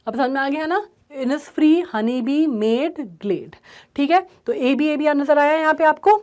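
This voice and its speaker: High-voiced woman teaching a poem. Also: measured pace, a little mellow. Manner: repeats "ठीक है" often, mixes English terms into Hindi. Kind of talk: explaining a poem to school students.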